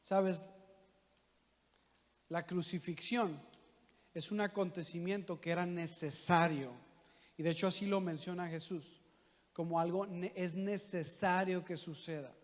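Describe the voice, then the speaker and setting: A man's voice: high-pitched, fairly even intonation, unhurried, long pauses. A man preaching a sermon as pastor, talking conversationally and asking the congregation rhetorical questions. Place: church hall. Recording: long church reverb.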